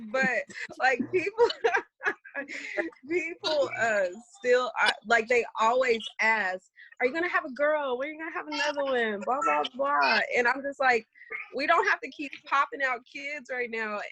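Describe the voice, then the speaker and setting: A woman in her thirties with a bright, slightly high voice, chatting casually in a group. She is animated and mimics what people say to her. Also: low-quality recording. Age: 30s. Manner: animated, laughs and quotes people. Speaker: guest. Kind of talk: casual chat.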